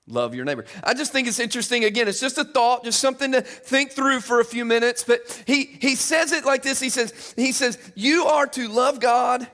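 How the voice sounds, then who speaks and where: A man preaching a sermon as pastor, in a conversational, lively way, often repeating words and acting out the quoted lines in a higher voice. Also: fairly quick, hardly any pauses.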